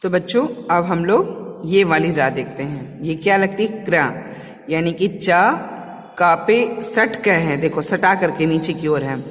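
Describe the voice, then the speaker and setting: A woman's voice: lowish voice, expressive, measured pace, long reverb tail. A woman teacher giving a revision class to small children, patiently repeating words for them to say back.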